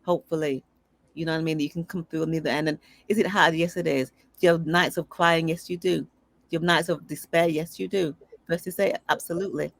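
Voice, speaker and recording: A middle-aged woman, an interview guest, telling personal stories in a lively, conversational way and acting out the voices of people she quotes. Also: sits low, fast, gravelly, no echo. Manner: animated storyteller who acts out dialogue. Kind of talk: conversational storytelling.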